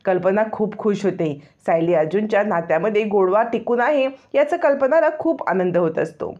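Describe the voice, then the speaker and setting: A woman narrating the story of a television serial episode in a brisk, dramatic retelling. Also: medium pitch, expressive, a little mellow. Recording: dull lo-fi recording.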